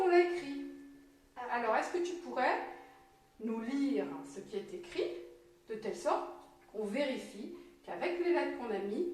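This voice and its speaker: A French woman teaches young children, speaking slowly and carefully as she sounds out syllables one by one. Her voice sits a little high and rings in a very echoey room, heard from some distance off the mic, with a faint hiss underneath. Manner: slow, clear, syllable-by-syllable teaching.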